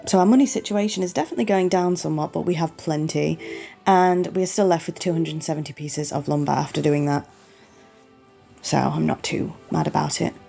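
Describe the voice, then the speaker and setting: This gaming channel host has a low, dark voice with vocal fry and a brisk delivery, set against soft background music. Sniffly and losing her voice, she commentates a game in laid-back let's-play style, apologetic and chatty as she explains every step to the viewer.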